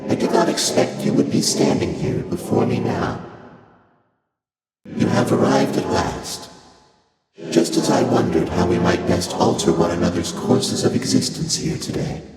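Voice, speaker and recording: Ancient chaos god for a game, super slow n formal, breathy, calmly aloof, huge echo w loud music behind. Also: male voice, deep voice, heavily acted. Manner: formal, measured, stately, faintly amused. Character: ancient, detached, courteous primordial deity of chaos. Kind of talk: video game character dialogue. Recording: echoing long reverb under loud music.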